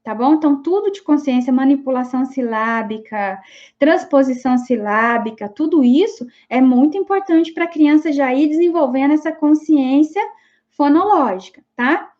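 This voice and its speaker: A woman's voice: high voice, moderate pace, a little mellow, lo-fi sound. A woman giving an explanatory online class lecture, often checking in with her students as she goes. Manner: explanatory, frequent checking tags like "tá bom?". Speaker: teacher.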